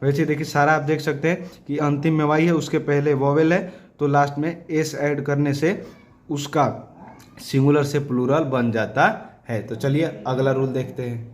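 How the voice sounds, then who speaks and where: A man teaching a grammar lesson, asking questions and answering them himself, repeating key points and slowing down to spell out each rule. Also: a little high, fairly even intonation. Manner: slows down and stretches words when stating rules. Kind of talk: classroom lesson explaining rules.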